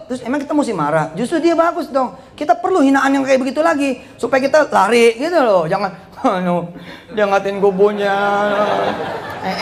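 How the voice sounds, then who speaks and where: A man giving a joking, animated motivational sermon in casual slang. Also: extremely high pitch, gravelly. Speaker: preacher.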